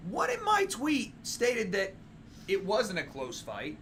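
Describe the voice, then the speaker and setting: High-voiced, bright, animated man on livestream. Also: slow pace, a little hiss or hum. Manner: slangy, opinionated, repeats phrases. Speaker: livestream host. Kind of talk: casual livestream banter and commentary.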